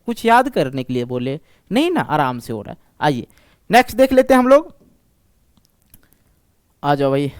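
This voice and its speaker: Male Sanskrit tutor, high and clear, measured unhurried delivery, soothing coaching tone. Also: fairly bright tone, dry recording, studio quality. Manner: patient, reassuring, repeats words slowly. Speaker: Sanskrit teacher. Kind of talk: online exam-prep lesson.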